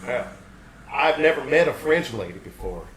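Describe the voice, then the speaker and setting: A man from Austin, Texas, playing a smooth-talking, shady movie boss in an improvised film-noir comedy scene, flattering and overly reassuring. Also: medium pitch, moderate pace, lightly acted. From Austin, Texas, USA. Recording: roomy sound with faint background noise.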